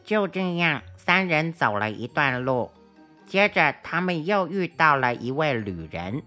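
A woman narrating a children's story in a gentle, expressive way. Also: low voice, a little slow, faint music behind.

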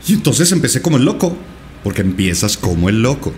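Telling a personal story during a podcast interview, this male guest speaks earnestly and repeats himself a lot. His mid-range, darkish voice swings widely in pitch and moves fairly quickly, over slight background noise.

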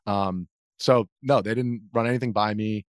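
With a lowish, steady voice at normal speed, this American man is a video journalist being interviewed. His storytelling is informal and self-interrupting, full of acted-out quotes, captured as clean studio sound without echo.

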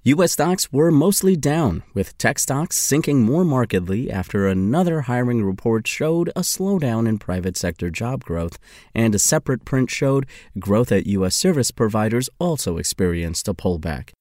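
A man reading scripted financial news in a formal, measured manner. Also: medium pitch, animated, darkish tone, dry recording, studio quality. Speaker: news reader.

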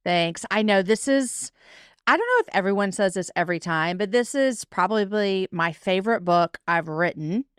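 A woman's voice: medium pitch, animated, clean tone, dry recording, studio quality. A woman in her forties, a guest author talking candidly and emotionally in a casual podcast interview. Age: 40s. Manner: candid, emotional, quick self-talk asides.

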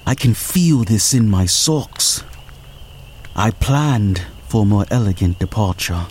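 Man voicing formal, precise escapee for audio drama; low voice, slow delivery. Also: animated, darkish tone, slight background noise. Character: fussy, formal man fleeing at night.

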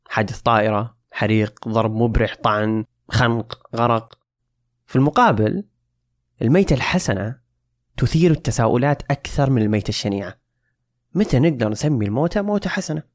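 A man's voice: medium pitch, lively intonation, no echo. A man hosting a podcast, delivering a reflective, wry, scripted monologue. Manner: earnest, wry, measured essay delivery. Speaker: podcast host.

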